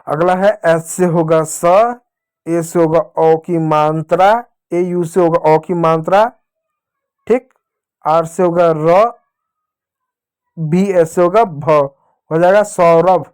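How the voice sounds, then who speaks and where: Male teacher, patient, spells words out for kids, clear, slightly high voice. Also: steady tone, darkish tone. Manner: patient, repeats words slowly and calls the kids dear children. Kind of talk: children's reading lesson.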